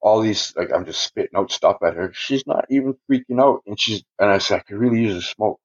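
A man's voice: on the low side, brisk. A man telling a long personal story in casual podcast talk, swearing a lot and chuckling as he rambles. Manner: profane, rambling, chuckles often. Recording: dull lo-fi recording.

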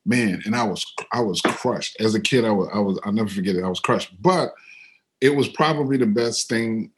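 A middle-aged man telling a story from his life on a video call. He talks easily with fillers and gets lively when he acts out other people. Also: fairly low pitch, moderate pace. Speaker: interviewed musician and composer. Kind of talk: relaxed storytelling. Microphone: computer on a video call.

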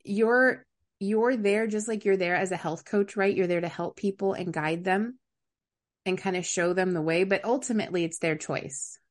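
A woman hosting a casual podcast interview, chatty and quick to laugh, lively when she quotes people. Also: mid-range voice. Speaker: podcast host.

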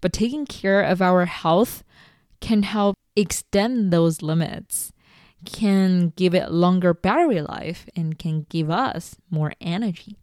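A woman's voice: on the low side, slow, darkish tone, dry recording, studio quality. A woman presenting self-help tips like a vlogger, in an upbeat, neatly organized, step-by-step way. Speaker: advice vlogger. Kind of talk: scripted self-help tips talk to viewers.

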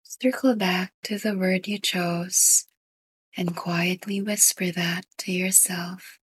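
A woman guiding a sleep meditation in a soft, breathy whisper. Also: lowish voice, fairly even intonation, no room sound, poor audio. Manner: slow, soft whispered delivery. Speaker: meditation guide.

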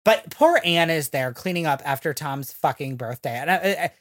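A podcast co-host in her thirties rants through a casual reality-TV recap in a deep voice with lively intonation and moderate pace. She swears often and acts out quotes along the way.

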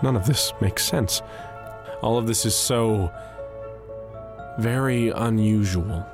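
An actor playing a skeptical, proud doctor in an audio drama, with a brisk, authoritative delivery. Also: male voice, on the low side. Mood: baffled. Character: skeptical, proud male doctor, irreligious, increasingly baffled. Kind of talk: dramatized audio story acting. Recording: loud music under the voice.

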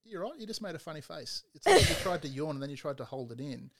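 A man's voice: a little high, big pitch swings, quick pace, a crowd in the background. A middle-aged father co-hosting a casual podcast chat, joking and rambling.

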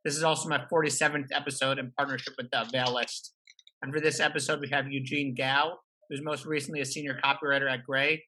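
A man's voice: mid-range voice, flat delivery, fast talker, sharp tone, rough recording. A man hosting an interview series, upbeat and friendly as he introduces and questions his guest. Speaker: host. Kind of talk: casual interview.

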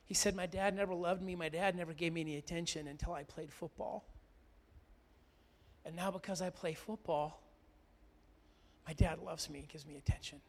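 A middle-aged pastor preaching a sermon. He moves between loud, emphatic declarations and quiet, confiding storytelling. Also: a little high, fairly even intonation, normal speed, long pauses.

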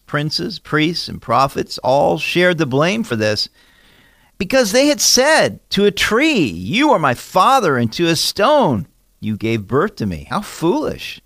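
A man delivers an expository sermon, reading scripture and then explaining it with emphatic rhetorical questions. His voice sits a touch higher than most men's and moves up and down a great deal as he stresses key words. The recording is dry and close, with no room sound. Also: a bit bright, dry recording. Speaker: Bible teacher.

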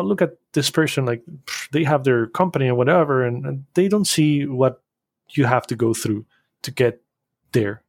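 Brief: man, guest, animated quick talker, mid pitch, dry. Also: no room sound. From Costa Rica. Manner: animated, quick bursts with restarts. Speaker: podcast guest, business owner. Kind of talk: casual interview talk.

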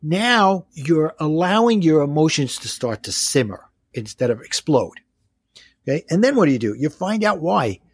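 A man's voice: fairly high pitch, very animated, normal speed, breathy edge, no room sound. A man with a Brooklyn accent talking as a life coach in an interview, explaining step by step with rhetorical questions. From Brooklyn, New York.

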